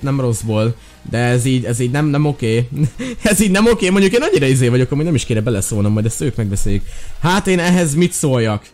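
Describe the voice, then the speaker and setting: A young man doing energetic let's-play commentary as a gaming YouTuber, excitable and shouting when the game gets tense. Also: on the high side.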